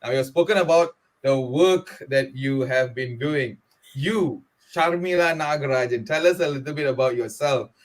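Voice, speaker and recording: Malaysian guy hosting an online chat show, mid pitch, lots of uhs, video call sound. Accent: Malaysian English. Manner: hesitant, many drawn-out "uh" fillers. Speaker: host. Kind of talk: live online talk show interview.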